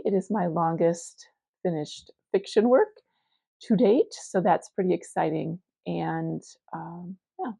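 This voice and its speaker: A woman's voice: fairly low pitch, vocal fry, warm tone, no echo. A woman in her forties chatting casually in a vlog recorded as a phone video, meandering and thinking aloud as she talks. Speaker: knitting vlogger. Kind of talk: casual morning vlog chat. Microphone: phone camera.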